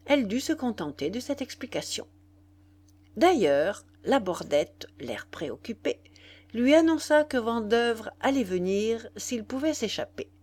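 Slow, expressive woman reading a novel. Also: a little high. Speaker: audiobook reader. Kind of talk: literary audiobook narration.

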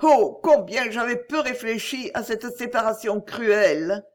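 A woman's voice: fairly high pitch, a little slow, a little mellow, natural voice. A woman reading aloud and voicing an emotional, tender young daughter who pleads through tears. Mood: tearful pleading. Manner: pleading, tearful.

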